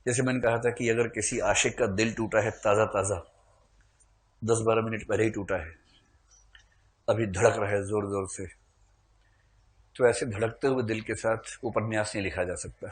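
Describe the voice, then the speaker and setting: A man's voice: on the low side, steady tone, moderate pace, pauses often. A man teaching a literature class, explaining terms patiently and lightening the lecture with humorous asides and chuckles.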